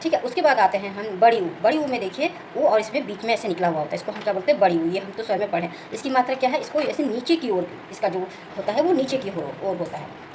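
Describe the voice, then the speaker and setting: Brisk woman teacher, high-ish voice, fast step-by-step explaining, faint background noise. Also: animated. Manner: explains step by step, often asks "clear?" and says "okay". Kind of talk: Hindi grammar lesson.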